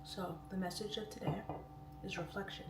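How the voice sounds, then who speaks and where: A woman's voice: medium pitch, fairly even intonation, normal speed, over music. A woman in her late thirties chatting casually as a livestream host, her speech slightly impeded by a swollen, newly pierced tongue. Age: late 30s. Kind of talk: casual livestream chat, reading viewer comments aloud. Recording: roomy echo, distant mic, clear background noise.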